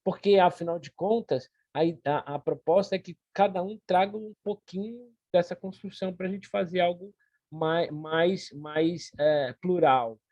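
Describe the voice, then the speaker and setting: A man's voice: high-pitched, darkish tone, no echo, lo-fi sound. Earnest Brazilian man presenting, dry sound. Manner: earnest, halting with repeated words. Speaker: meeting organizer. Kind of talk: online meeting presentation.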